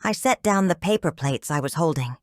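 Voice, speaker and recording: Brief: woman audiobook reader, lively rise and fall, dry close recording. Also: sits low, a little fast, no room sound. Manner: expressive reading. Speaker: audiobook narrator. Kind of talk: first-person thriller narration.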